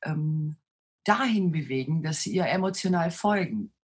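Give this guest a woman's voice that is strikingly deep and low, with a heavily husky grain. She speaks as a self-assured leadership coach with a commanding presence, explaining her work conversationally in an interview. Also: lively intonation, moderate pace. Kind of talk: conversational interview answers, storytelling.

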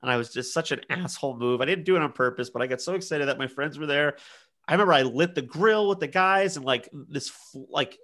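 A man's voice: a little high, fast talker. A man in his thirties, a podcast co-host telling a party story in casual chat and acting out the quotes. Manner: animated storyteller, acts out quotes.

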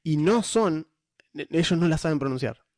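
A man's voice: a little high, lively intonation, normal speed, no room sound. A young man with a Rioplatense Spanish accent explains game lore in casual podcast chat. He talks animatedly, restarting his sentences often. The sound is dry and close, with no room around it. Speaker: podcast host discussing tabletop lore.

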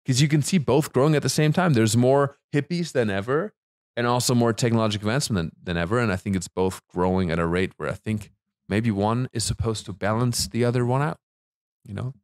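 A man's voice: mid-range voice, brisk, a little mellow, no echo, studio quality. A man, hosting a casual podcast chat in a rambling way and laughing often. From Germany. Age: 20s. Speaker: podcast host.

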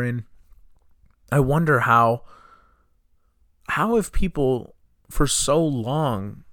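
A man's voice: on the high side, a bit bright, no echo, studio quality. A man in his twenties hosting a solo podcast, talking with frustration and firing off rhetorical questions. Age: 20s. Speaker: podcast host.

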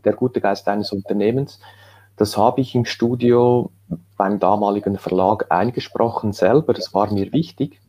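A man, an author telling his story in a relaxed interview, rambling with many fillers and restarts. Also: lowish voice, moderate pace. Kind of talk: casual conversational interview.

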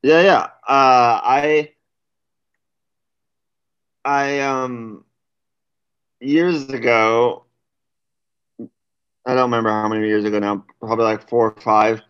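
A man's voice: medium pitch, steady tone, slow, long pauses, fairly bright tone, clear, resonant tone. A man co-hosting a casual podcast, talking loosely and rambling. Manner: loose, rambling, with restarts and laughs. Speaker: podcast co-host. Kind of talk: casual chat. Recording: dull lo-fi sound.

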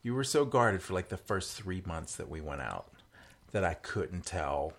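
A man's voice: sits low, animated, normal speed. A young man co-hosting a podcast with his partner, teasing her with dry banter. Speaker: podcast co-host. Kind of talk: casual couple chat.

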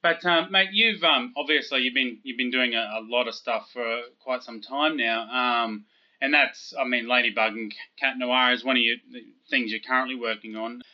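A man's voice: medium pitch, moderate pace. A man hosting an interview, chatty and a bit sheepish, laughing often. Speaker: interviewer host. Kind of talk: phone interview. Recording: dull lo-fi recording.

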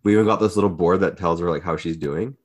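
A man's voice: sits low, quick pace. A man co-hosting a casual podcast, telling a loose parenting anecdote with many fillers. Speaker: podcast co-host, father. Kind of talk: casual chat, storytelling.

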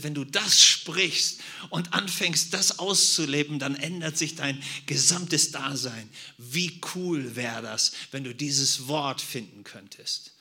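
A man's voice: on the high side, sharp tone. A man preaching and praying, talking directly and conversationally to his congregation. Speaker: pastor. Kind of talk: sermon.

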